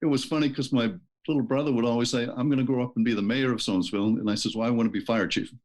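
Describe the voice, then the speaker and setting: A middle-aged man from Maine talks as an author guest in a relaxed interview. He rambles through long stories and stops often for fillers and restarts. His voice sits at an ordinary middle pitch. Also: racing. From Maine, USA. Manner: rambling, hesitant with many fillers. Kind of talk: casual interview.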